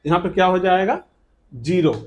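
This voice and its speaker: A man teaching a classroom English lesson, speaking with a Hindi accent in a notably high-pitched voice. He keeps putting rhetorical questions to the class and answering them himself. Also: moderate pace.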